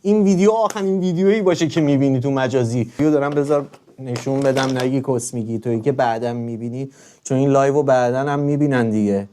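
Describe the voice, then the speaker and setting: A man on a live stream, talking straight to his viewers in an emphatic, repetitive way, swinging between loud urging and low murmuring. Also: smooth. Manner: emphatic, repeats words over and over.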